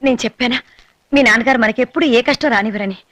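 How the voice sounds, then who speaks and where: A dubbing actor playing a gentle, devoted mother in a dubbed film, speaking softly and soothingly. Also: fairly high pitch, rapid-fire, no echo, natural voice. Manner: soft and consoling. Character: gentle, devoted mother and widowed sister-in-law. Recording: film dub with score underneath.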